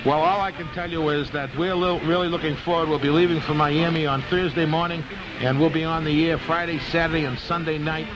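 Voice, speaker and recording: A man hosts a casual live sports call-in radio show, chatting with callers in an opinionated, emphatic way and often repeating himself. His voice is fairly high, fairly even in intonation, and brisk, heard over music. The recording is a noisy vintage radio broadcast.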